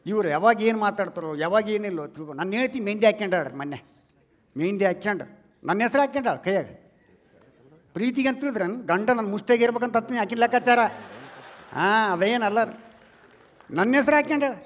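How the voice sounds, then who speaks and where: A man with a North Karnataka Kannada accent doing stand-up comedy on stage, chatting loudly with the crowd and calling them relatives. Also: high voice, expressive, quick pace, pauses often. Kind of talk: stand-up comedy before a live audience. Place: stage in a large hall. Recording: long hall reverb.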